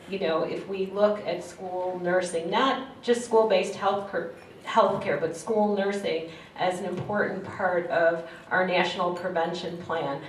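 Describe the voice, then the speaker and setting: A woman's voice: fairly low pitch, a little hiss or hum. A woman moderating a panel, earnest and a bit hesitant. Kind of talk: panel discussion remarks. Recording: echoey room, mic from far off.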